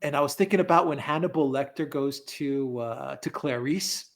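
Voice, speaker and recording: This guest commentator on a casual live-stream chat speaks at normal speed, with a somewhat high male voice. His talk wanders, words get repeated, and laughter comes frequently.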